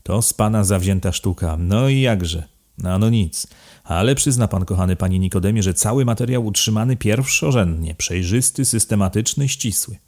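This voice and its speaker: A man's voice: on the low side, moderate pace, a little mellow. A male narrator playing a lisping, self-satisfied middle-aged estate owner in an audiobook. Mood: smug. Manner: lisping, feigned indignation.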